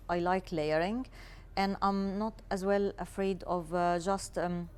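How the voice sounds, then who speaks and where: A woman's voice: fairly low pitch, darkish tone. Egyptian-born woman, candid and laughing. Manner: candid, self-deprecating, laughs easily. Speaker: interior designer, guest. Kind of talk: casual interview talk.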